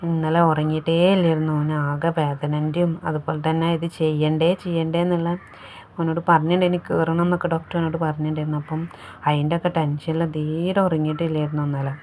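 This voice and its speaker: A woman talks through a casual vlog from a hospital room. She is chatty and keeps tucking little tag words onto the ends of her sentences. Her voice sits slightly lower than most women's, with a faint hum of background noise behind it. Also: level tone, quick pace, warm tone. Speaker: vlogger, mother of the patient.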